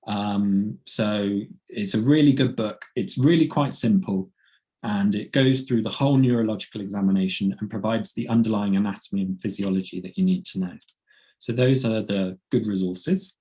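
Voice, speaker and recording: Guy with a croaky cold voice, lowish, explaining clinical stuff in a webinar. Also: moderate pace, mellow. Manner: plain explaining, light laughs. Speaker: presenter. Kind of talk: webinar teaching.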